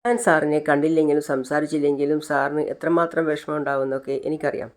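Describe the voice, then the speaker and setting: A woman's voice: low-pitched, little pitch movement, fast talker, lightly acted. A narrator retelling a TV serial scene, voicing a jealous, possessive young woman who scolds sharply. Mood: jealous scolding.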